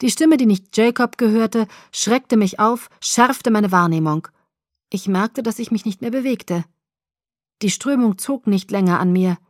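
Woman reading audiobook, dramatic and expressive, dry close sound. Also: mid-range voice, unhurried, no echo. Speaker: audiobook reader. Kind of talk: scripted narration.

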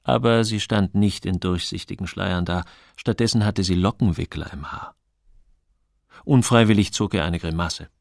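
A man narrating an audiobook in a calm, low and expressive storytelling voice. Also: moderate pace, gravelly, no room sound, clean studio sound.

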